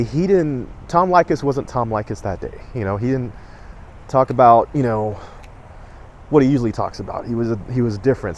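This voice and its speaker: A middle-aged vlogger from Southern California shares a personal memory to camera in a medium-pitched, darkish voice, with slight background noise. He rambles with fillers and self-corrections, growing emotional and choking up as he goes.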